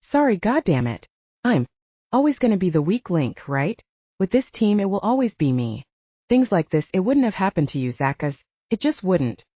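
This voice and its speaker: A woman performs an audiobook role as a tough young female soldier who is distressed and angry, swearing as she makes emotional demands. Her voice sits at medium pitch with wide swings in pitch, a moderate pace, and a warm, slightly rough tone. The dry recording sounds dull and lo-fi, with no echo.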